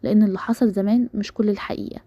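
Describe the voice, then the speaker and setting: Egyptian woman reading a tense guarded young woman, very fast, dark mellow voice, lo-fi dry sound. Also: medium pitch, steady tone, dry recording, close to an everyday voice. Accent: Egyptian Arabic. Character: nervous young woman hiding secrets.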